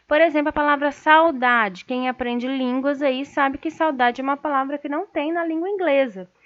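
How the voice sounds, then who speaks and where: A high-pitched Brazilian woman with a Brazilian Portuguese accent gives an online writing lesson. She explains each point patiently and keeps checking that her students follow along. The recording sounds muffled and lo-fi. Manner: explanatory, checks understanding with tag questions. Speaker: teacher. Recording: dull lo-fi sound.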